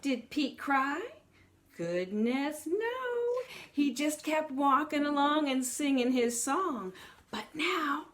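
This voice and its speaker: Reading a picture book to small children, a woman brings the story to life, asking her listeners questions and exclaiming as it unfolds. Her voice is high and she speaks slowly.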